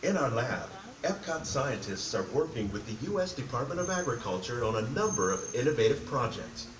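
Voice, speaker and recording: Loudspeaker man, echoey and distant. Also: medium pitch, sing-song, background noise. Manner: polished, measured delivery. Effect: played over ride loudspeakers. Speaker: attraction ride narrator. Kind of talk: scripted narration. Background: background music.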